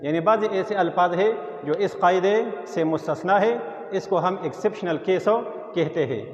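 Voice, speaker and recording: Male phonics teacher, slightly high voice, patient listing delivery, echoey and dull room recording. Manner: explains slowly, listing example words. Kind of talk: phonics lesson.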